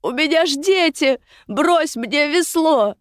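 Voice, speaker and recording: A woman voicing a heavy, crude village woman drowning in panic, shrill and coarse. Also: measured pace, no room sound, studio quality. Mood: panicked.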